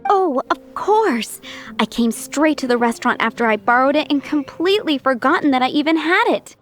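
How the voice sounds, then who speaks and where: A young game waitress with a high voice. She is earnest, polite and apologetic, with faint music behind her. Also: expressive, moderate pace. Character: apologetic, polite young woman restaurant worker. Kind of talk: video game voice acting.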